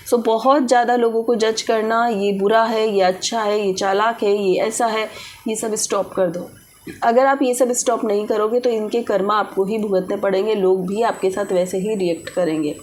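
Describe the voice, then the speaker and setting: A woman's voice: on the high side, a little mellow, slight background noise. Woman giving frank tarot advice. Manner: direct advice mixing English words into Hindi. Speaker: tarot reader. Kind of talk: tarot reading for viewers.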